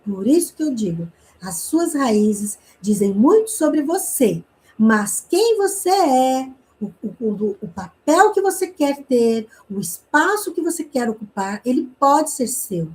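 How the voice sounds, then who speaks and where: A Brazilian woman from Paraná teaching an online communication class, telling a personal story in a chatty way, with frequent tag questions and quick snatches of reenacted dialogue. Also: sits high, sing-song, a little mellow, rough recording. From Brazil, interior of Paraná.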